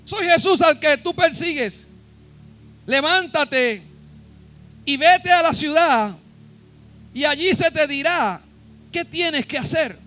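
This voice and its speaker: A pastor voicing Jesus as a commanding man, proclaiming slowly and loudly. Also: very high-pitched, animated, faint music behind, heavily acted. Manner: loud, proclaiming, slow and emphatic.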